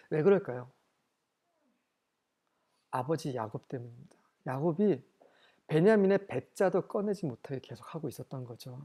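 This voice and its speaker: An English Bible teacher giving a study lecture, reading verses slowly and then explaining them, often asking questions and answering them. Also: mid-range voice, mellow.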